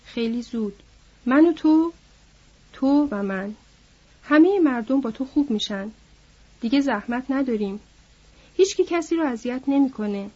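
A woman voicing a weary, protective grown man who reassures his friend softly, reading aloud in a storybook. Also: high voice, animated, long pauses, slightly rough. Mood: tender. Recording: dull lo-fi recording.

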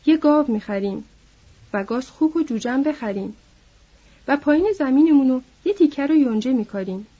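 Storybook figure: woman playing a grim, gentle protective man, soft and husky, dull lo-fi. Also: high-pitched, expressive. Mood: hushed. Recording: dull lo-fi recording.

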